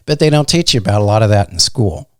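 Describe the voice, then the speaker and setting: A man with a Midwestern accent, a meteorologist guest telling stories in a casual, unhurried way with many fillers. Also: on the low side, animated, smooth, no room sound, studio quality. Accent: Midwestern American. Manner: soft-spoken, unhurried, fond of fillers. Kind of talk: casual interview storytelling.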